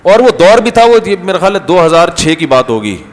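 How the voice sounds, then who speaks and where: A man giving a conversational religious lecture, telling stories and acting out the people he quotes. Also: high voice. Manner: storytelling, animated, acts out quoted people. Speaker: Islamic scholar giving a talk. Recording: long hall reverb.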